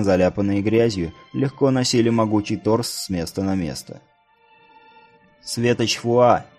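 Male audiobook narrator, low voice, steady storytelling, soft music under. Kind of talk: scripted narration.

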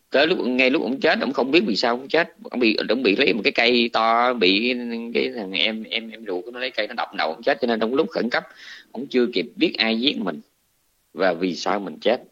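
A man with a Southern Vietnamese accent, a Buddhist monk giving a dharma talk, retelling a scripture story in a colloquial, animated way. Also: lowish voice, husky. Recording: dull lo-fi recording.

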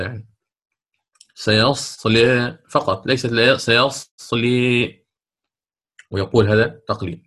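A man teaching Quran recitation rules. He explains them step by step, drawing out the recited examples slowly and often checking with his students. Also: mid-range voice, fairly bright tone. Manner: slow, drawn-out recitation of examples between plain explanation; asks check questions of students. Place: lesson recorded for an online institute.

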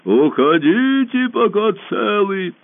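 A man voicing a slow, dull-witted forest monster that bellows its words in a hollow voice, heard over a narrow phone-like band. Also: sits high, big pitch swings, vocal fry, dry recording, pitched above the performer's own voice, full character voice. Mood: booming.

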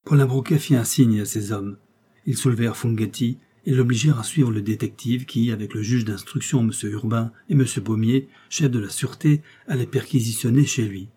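A man reads a classic novel aloud at an even, measured pace. His voice is husky and dark in tone, and he keeps the telling calm and steady. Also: mid-range voice. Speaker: audiobook reader. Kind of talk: scripted narration.

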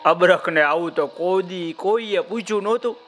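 A man's voice: high-pitched, normal speed, fairly bright tone, soft background music. A middle-aged man telling a story to children in a sing-song way, often turning to address his young listeners directly.

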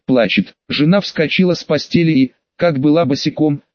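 A man reading a first-person audiobook in a measured storytelling way. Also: on the high side, fairly even intonation, no echo. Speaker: audiobook narrator. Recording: dull, dry audiobook recording.

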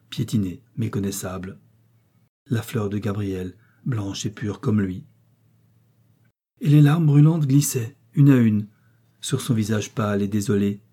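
A male audiobook narrator with a low, dark voice and a husky grain. He reads at a measured, expressive pace, giving the prose a steady dramatic lift. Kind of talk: scripted narration.

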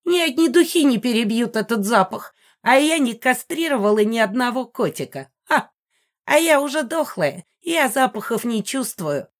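A woman's voice: on the high side, big pitch swings, normal speed, voice pushed up. A woman reading an audiobook, voicing a spiteful old female ghost who screeches and cackles threats. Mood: indignant. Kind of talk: audiobook character voice.

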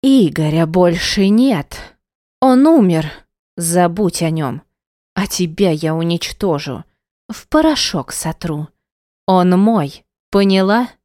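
An icy, unhinged jealous wife , voiced by a woman reading an audiobook spits her contempt in a cold, hissing tone. Her voice sits low and dark, recorded dry and close, with deliberate slow menace. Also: expressive, dry recording. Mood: furious.

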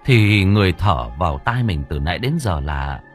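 A man reading a story aloud with dramatic, lively narration. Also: sits low, moderate pace. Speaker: audiobook narrator. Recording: faint background music.

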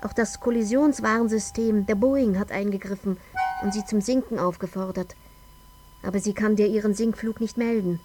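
An actress playing a relentless narrator who questions in measured, accusing second-person lines, in a radio drama. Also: female voice, medium pitch, steady tone, darkish tone, soft background music, close to an everyday voice. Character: woman narrator-interrogator, cool and relentless.

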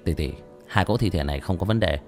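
A man voicing a bold young male exorcist in an audiobook, brisk and low-key. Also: faint music behind, lightly acted.

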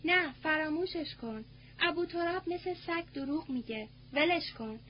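Audiobook: woman voicing a scornful young wife, curt and dismissive, high voice, faint hum behind. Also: animated, lo-fi sound.

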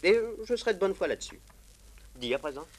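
A man's voice: high-pitched, sing-song, quick pace. An actor playing a naive, lordly young nobleman in a 1950s classical stage comedy, condescending toward his servant. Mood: haughty.

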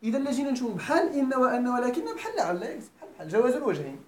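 Lively Moroccan man teaching grammar. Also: extremely high pitch, rapid-fire. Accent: Moroccan Arabic. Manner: keeps quizzing students and checking they follow. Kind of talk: classroom lecture. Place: lecture room at a Quran school. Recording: echoey room, faint background noise.

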